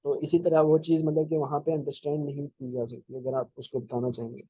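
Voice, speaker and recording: Guy teaching coding on a call, flat, mellow voice, pretty dull lo-fi sound, dry. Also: a little high, husky, dry recording. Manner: unhurried explaining with many fillers and restarts. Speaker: programming instructor. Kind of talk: live online lecture.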